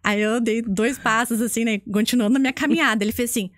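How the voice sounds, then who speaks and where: A woman with a fairly high voice tells a story in a relaxed interview. She is animated, acts out the voices of the people in her story and laughs often. The recording is dry and close. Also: quick pace, dry recording. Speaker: guest, image consultant.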